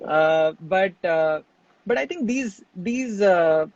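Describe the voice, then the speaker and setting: High-voiced man, reflective talk. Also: lively intonation, no room sound, lo-fi sound. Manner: reflective, halting with frequent restarts. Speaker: singer and composer, interview guest. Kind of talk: relaxed interview conversation.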